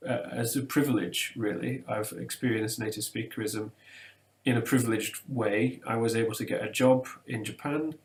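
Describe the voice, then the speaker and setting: An English man co-presenting a webinar thinks aloud in a casual academic discussion, hesitant and full of fillers and restarts. His voice is medium in pitch with fairly even intonation at a normal speed, and it reverberates in an indoor room lined with bookshelves.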